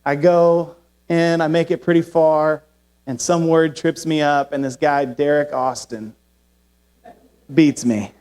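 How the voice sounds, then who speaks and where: A male pastor preaching in a relaxed, conversational way, with a somewhat high voice. He mixes in personal stories and playful self-deprecating asides. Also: slow pace, clean tone. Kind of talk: sermon with personal storytelling.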